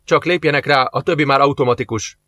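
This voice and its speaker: A calm, patient police captain, as a male reader puts him on, reassuring and slightly raised. The recording is dry and close. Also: medium pitch, dry recording, voice pushed up.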